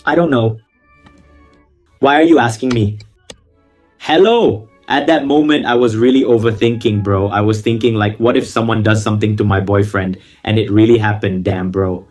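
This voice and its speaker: A man's voice: lowish voice, steady tone, normal speed, a little mellow, faint music behind. A man reading viewer confessions in a casual, slangy style, gleefully relishing the gossip and breaking in with mocking, exclamatory asides. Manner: slangy, exclamatory, theatrical reactions.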